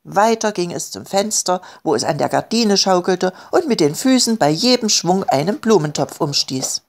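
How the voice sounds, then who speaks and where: A woman reading aloud her own children's story, with calm, expressive storytelling. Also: lowish voice, normal speed. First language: German. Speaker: author and reader.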